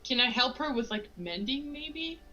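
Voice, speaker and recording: A woman's voice: sits high, expressive, normal speed, pushed and bright, dull audio, a little hiss or hum. A woman player in a tabletop game, eagerly asking the game master questions. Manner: eager, asks many questions. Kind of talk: casual tabletop game play.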